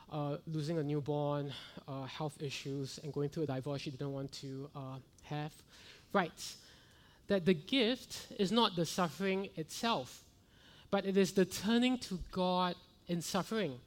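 A middle-aged man preaches from the pulpit in an earnest sermon. His voice sits fairly high for a man, and he climbs into fervent rhetorical questions as he presses his points. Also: unhurried. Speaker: pastor.

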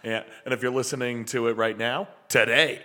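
A man's voice: medium pitch, steady tone, normal speed, bright, forceful tone. A man co-hosting a music podcast, casually sharing release news with a long echo around his voice. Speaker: podcast co-host. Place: echoey basement. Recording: long echoey reverb of a basement.

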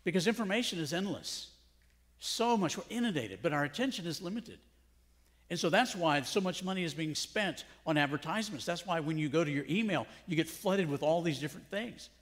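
A man's voice: fairly high pitch, expressive, fairly quick, a bit bright. A middle-aged male pastor preaching a sermon in a conversational way, full of rhetorical questions. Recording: long hall reverb.

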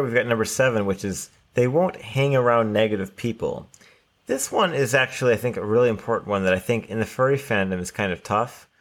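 A man co-hosting a podcast, talking casually with lots of "like" and "right?" fillers. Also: mid-range voice. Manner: conversational, many fillers like "like" and "right?". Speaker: podcast co-host.

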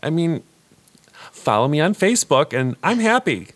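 A man's voice: fairly high pitch, big pitch swings, moderate pace, a bit bright. A man speaking as a campy, theatrical drag queen co-host in a casual comedic podcast chat. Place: recording studio.

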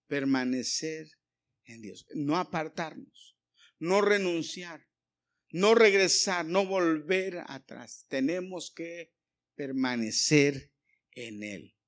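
Male pastor, fairly high voice, emphatic sermon, loud calls and hushed asides, questions to the congregation. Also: takes it slowly. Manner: addresses congregation directly with rhetorical questions.

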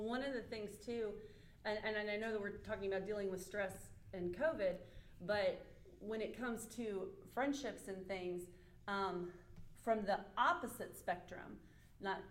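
A woman's voice: mid-range voice, echoey room, slight background noise. A woman leading a studio group discussion, asking questions and acting out examples. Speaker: discussion leader.

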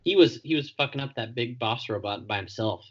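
A man in a relaxed, unhurried conversation, talking through a story with lots of "like" and "um." His voice sits in an ordinary middle range. The sound is slightly dull and lo-fi. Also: medium pitch. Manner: laid-back, laughs often, recaps plot with fillers. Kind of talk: casual chat.

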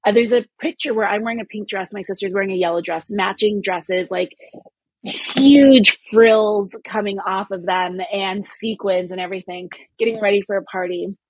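Podcast guest, woman from California, husky, expressive and chatty. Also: medium pitch, moderate pace, rough recording. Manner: animated, expressive storytelling. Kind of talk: casual chat.

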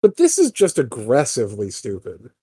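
Dark-toned man, rambling casual talk. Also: medium pitch, huge pitch swings, moderate pace, husky, dry recording, clean studio sound. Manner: rambling, heavy on "like" fillers, swears. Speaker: podcast co-host. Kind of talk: casual political chat.

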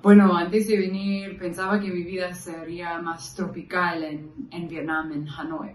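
Slow-spoken American woman, roomy sound. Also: lowish voice, a little mellow. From United States. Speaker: interview guest. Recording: roomy, distant mic.

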